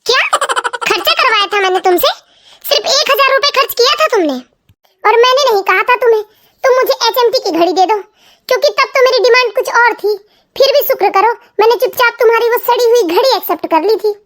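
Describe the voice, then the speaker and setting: A woman's voice: very high-pitched, a little fast, a bit bright. A woman voicing a hopeful, sulky young wife in a comedy cartoon, chatty and talking to herself. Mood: teasing. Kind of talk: cartoon family comedy voice acting.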